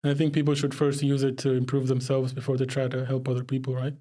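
A man's voice: medium pitch, completely flat delivery, fast, warm tone. A young man from Pakistan, a podcast guest talking casually and reflectively, often breaking into laughter. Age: young adult. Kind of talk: casual conversation.

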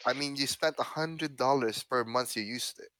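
Brief: young male co-host, ordinary pitch, jokey and teasing, dry close recording. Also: moderate pace, sharp tone, no room sound. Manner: teasing, laughs often. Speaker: podcast co-host. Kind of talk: casual chat.

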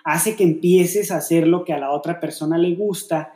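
Male podcast co-host, mellow tone, thoughtful and rambling, echoey room. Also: on the high side, moderate pace. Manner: reflective, explains with many fillers and rhetorical questions. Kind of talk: casual faith-based relationship chat.

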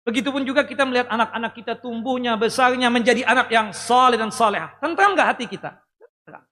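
A man preaching a sermon to a live audience in a lively way, asking questions and joking as he goes. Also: extremely high pitch, fast talker. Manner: lively, talks directly to the audience, jokes and asks questions. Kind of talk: Islamic sermon. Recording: long reverb in a hall.

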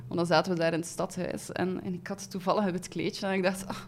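A woman's voice: on the low side, flat delivery, quick pace. Laughing chatty Flemish woman. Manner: chatty, laughs often, many fillers. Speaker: podcast guest, actress. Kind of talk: casual chat.

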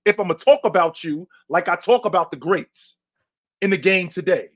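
Emphatic American man with a higher voice. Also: lively intonation, moderate pace, fairly bright tone, dry recording, clean studio sound. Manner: emphatic, repeats points. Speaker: sports talk show panelist. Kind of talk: opinionated sports debate.

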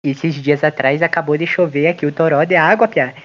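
A man's voice: on the high side, steady tone, fairly quick, fairly bright tone, lo-fi sound, close to an everyday voice. A man voicing a gossipy small-town neighbour lady, chatty and full of local slang.

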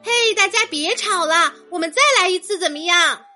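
Storyteller woman playing a cheerful little girl for a kids' story, very high, bright and sparkly. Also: normal speed, faint music behind. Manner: bright, encouraging childlike voice. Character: cheerful young girl learning to lose gracefully.

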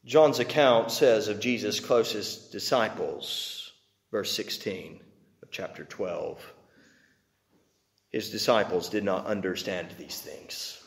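A man preaching a dramatic sermon, swinging from loud declaiming to hushed, low tones. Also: slow pace, gravelly. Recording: echoey hall with long reverb.

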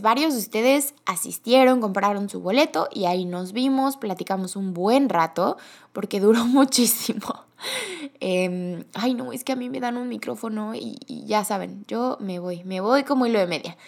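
A young woman with a Mexican accent, talking casually and chattily as a podcast host in a storytelling monologue. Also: medium pitch. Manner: chatty, animated, quick bursts with laughter.

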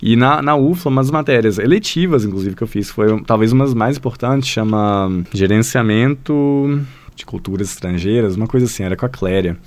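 On a relaxed podcast, a male guest who founded a language school speaks with a Brazilian Portuguese accent, his lowish voice moving fairly quickly with no room sound. He meanders through anecdotes, leans heavily on fillers and frequently addresses the listener directly.

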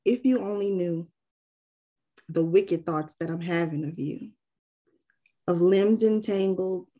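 A woman co-host reads a poem aloud. Her voice is husky and breathy, and she takes it slowly and deliberately. She often laughs between lines. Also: fairly low pitch, mellow. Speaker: podcast co-host. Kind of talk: casual chat and poem reading.

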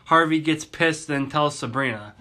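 A man co-hosting a casual podcast, summarizing an episode's plot with small pauses and restarts. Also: fairly high pitch, bright, forceful tone. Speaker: podcast co-host. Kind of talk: casual recap chat.

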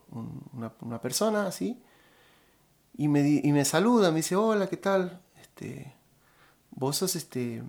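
Gravelly Argentine man telling a story. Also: mid-range voice. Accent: Argentine Spanish. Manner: rambling, halting with many fillers and restarts. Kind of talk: casual storytelling.

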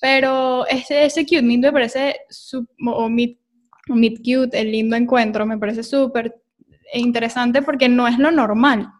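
Chatty female co-host, bright-pitched, agreeable. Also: steady tone, a little slow. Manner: chatty, agreeing often, fillers. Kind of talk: casual film chat.

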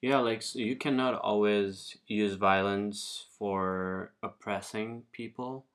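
A man interviewing someone in a casual conversation, phrasing his thoughts in a halting, thoughtful way. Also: fairly low pitch, steady tone, fairly bright tone.

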